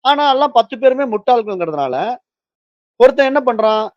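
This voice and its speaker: A male spiritual teacher explains a philosophy text by telling a story and acting out its quotes. His voice sits high for a man. The recording is dry and close, with muffled, lo-fi sound. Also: sing-song, brisk, dry recording.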